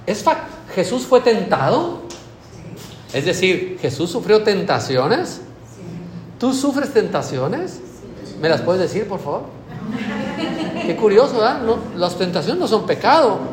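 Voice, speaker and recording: High-voiced priest preaching. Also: male voice, roomy sound. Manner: conversational, asks the listeners questions. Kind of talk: sermon.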